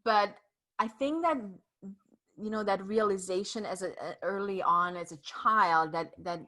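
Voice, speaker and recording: A woman's voice: medium pitch, measured pace, bright, forceful tone. A woman from Romania, a native Hungarian speaker, talking as a guest in a casual interview and telling her story earnestly with many fillers. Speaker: podcast guest, author.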